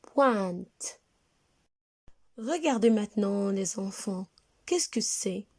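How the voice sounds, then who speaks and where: A woman teaching a reading lesson to young children, speaking slowly and clearly and spelling words out letter by letter. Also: mid-range voice, lively intonation, a little mellow. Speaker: primary school teacher.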